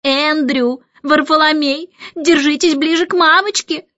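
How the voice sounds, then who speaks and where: A woman's voice: high voice, fairly even intonation, sharp tone, no room sound, highs cut off, pitched above the performer's own voice. Woman voicing a fussy chattering lady. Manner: rapid patter.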